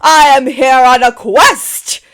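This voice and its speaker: A woman voicing an overeager, cheerful male knight who booms out his lines, oblivious and boastful. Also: fairly even intonation, slow, a bit bright. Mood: boisterous.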